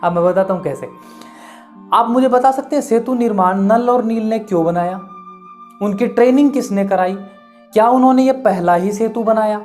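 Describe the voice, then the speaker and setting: A man's voice: high-pitched, a little mellow. A man hosting an online channel, giving an earnest explainer monologue in which he asks the viewer questions and answers them himself. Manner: earnest, emphatic delivery. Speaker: YouTube channel host.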